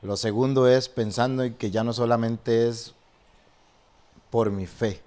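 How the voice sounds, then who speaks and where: A man who is a pastor, telling stories and preaching in a lively way and often restarting his sentences. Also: mid-range voice, a little slow. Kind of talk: animated storytelling and preaching in a podcast conversation.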